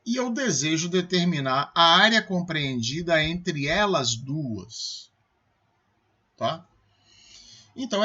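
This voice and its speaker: A man's voice: on the high side, sharp tone, slightly rough, lo-fi sound. A man with a Brazilian Portuguese accent, a math professor giving a recorded calculus lecture, explaining step by step and checking with his students as he goes.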